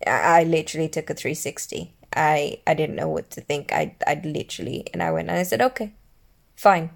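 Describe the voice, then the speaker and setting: A woman's voice: sits low, a little fast, creaky. A woman telling a personal story in a vlog, candid and emotional, swearing freely. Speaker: mother telling her own story.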